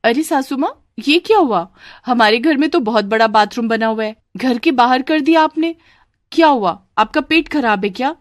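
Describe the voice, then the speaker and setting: A woman puts on a cheeky young bride in an animated storybook, high and bright-toned, full of teasing, mock-innocent comebacks. The voice is close and dry, with no room around it. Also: moderate pace, no echo, lightly acted. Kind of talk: Hindi storybook voice acting.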